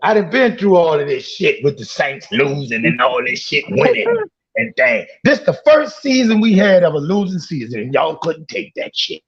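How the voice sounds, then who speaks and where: Tipsy fifties man, loud joker, high lively voice, lo-fi line. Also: moderate pace, slightly rough. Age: 50s. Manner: loud, joking, boastful and rowdy, laughs often. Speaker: guest fan on a livestream. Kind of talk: casual chat.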